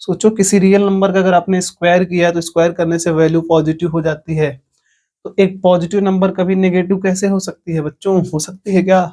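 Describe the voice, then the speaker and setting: A man with a high voice is teaching an online maths lesson. He goes through each point step by step. He often asks the class whether they follow. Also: little pitch movement, a little fast, warm tone. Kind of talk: online lecture.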